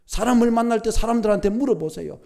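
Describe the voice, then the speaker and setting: A middle-aged man preaching a sermon as pastor, emphatic, repeating key phrases and building up to near-shouts. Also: high-pitched, fast talker, gravelly.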